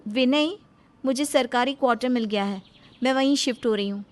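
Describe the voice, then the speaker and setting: Narrator as an arrogant young lady officer, curt and haughty, high voice. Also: normal speed, darkish tone, close to an everyday voice. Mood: cold.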